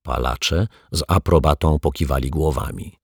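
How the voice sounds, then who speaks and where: A man reading a children's story aloud in a measured, deliberate narration. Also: extremely low pitch, steady tone, creaky, husky, no room sound, studio quality. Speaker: audiobook narrator.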